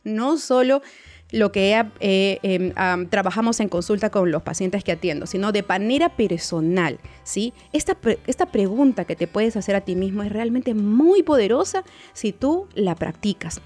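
A woman's voice: mid-range voice, lively intonation, moderate pace, a little mellow. A woman psychologist giving relationship advice straight to the listener in a coaching tone, often repeating words and checking for agreement. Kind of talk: advice talk to viewers.

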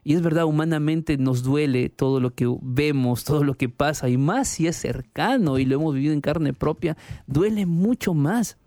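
A man's voice: a little high, moderate pace, dark tone, no room sound. A male pastor telling a testimony and preaching in an earnest, emphatic way.

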